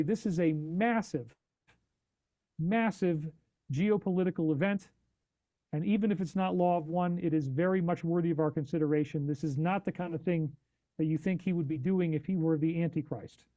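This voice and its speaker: A man hosting a live podcast stream, reacting to news and chat with animated, incredulous questions. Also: high-pitched, no echo, dull audio. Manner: reads chat donations aloud. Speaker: podcast host.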